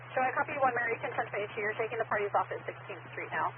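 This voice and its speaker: A police dispatcher heard over a police radio channel, rapidly reading back calls and codes in a clipped manner. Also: medium pitch. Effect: police radio transmission. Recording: tinny radio scanner with clear static.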